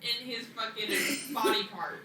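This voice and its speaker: A woman's voice: fairly high pitch, a little slow, over a noisy crowd. A woman playing a tabletop game and chatting casually, bossy, blunt and sarcastic, with plenty of swearing. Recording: echoey room, distant mic, noisy background.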